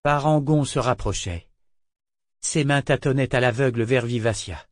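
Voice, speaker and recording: A man narrating a fantasy novel in a steady, measured way. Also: medium pitch, no echo, studio quality. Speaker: audiobook narrator. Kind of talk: dramatic audiobook narration.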